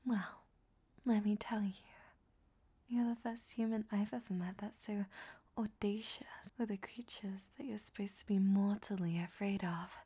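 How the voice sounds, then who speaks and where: In this roleplay audio drama, a woman plays a crafty, flirtatious ancient vampire, using a soft, breathy half-whisper that teases sardonically. Her pitch is medium, her intonation fairly even, and her pace a little slow.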